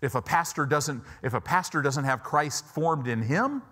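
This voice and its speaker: Animated and forceful, an American pastor in his fifties from Chicago and Southern California preaches conversationally at a moderate pace, hammering points home with repeated phrases. His voice is a little high and bright. He's on a church auditorium stage indoors, picked up by a lapel mic.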